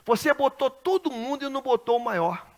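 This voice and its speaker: A man from Rio de preaching a Pentecostal sermon, telling stories dramatically and swinging from hushed asides to shouts. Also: very high-pitched, lively intonation, brisk. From Brazil. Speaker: pastor. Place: large church sanctuary.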